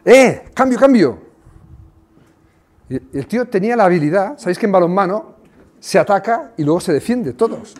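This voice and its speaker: A man, a former coach giving a motivational talk, telling lively anecdotes with sound effects. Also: high voice, fast. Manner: animated storytelling with sound effects.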